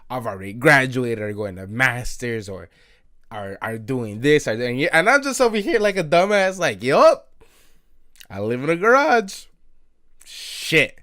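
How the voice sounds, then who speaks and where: A man's voice: medium pitch, big pitch swings, a little slow, sharp tone. A man in his early twenties hosting an unscripted late-night solo podcast, rambling, self-critical and swearing, with many fillers and laughs. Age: 20s. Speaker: podcast host.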